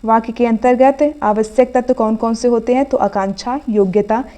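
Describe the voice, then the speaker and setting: A woman's voice: fairly high pitch, steady tone, normal speed, dark tone. A woman teaching an online exam revision class, reading out each question and then giving the answer. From India.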